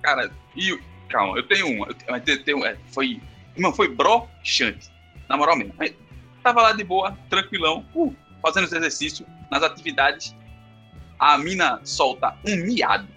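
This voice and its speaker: A man's voice: fairly high pitch, expressive, moderate pace, bright, forceful tone, breathy edge, faint music behind. A young man, telling stories casually and animatedly in slang on a podcast.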